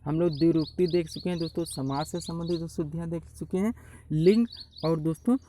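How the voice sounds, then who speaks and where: A man's voice: on the high side, fairly quick, warm tone, a little hiss or hum, low-quality recording. Man lecturing on Hindi spelling. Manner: repeats corrections, addresses viewers as friends. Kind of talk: online exam-prep lecture.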